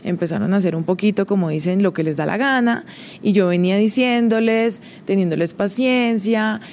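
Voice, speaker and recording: A woman's voice: mid-range voice, normal speed, slight background noise. Chatty woman host. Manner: chatty, warm and confiding, laughs often. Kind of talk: casual confiding monologue.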